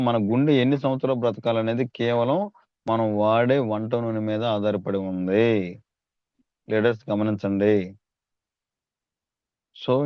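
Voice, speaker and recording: A man's voice: fairly low pitch, smooth, dry recording, muffled recording. A man giving a persuasive sales training talk, calling on his listeners and asking rhetorical questions. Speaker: network marketing trainer.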